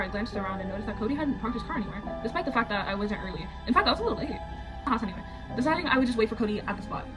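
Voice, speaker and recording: Woman, very quick reading, music playing underneath, horror stories, joking asides. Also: fairly high pitch, low-quality recording.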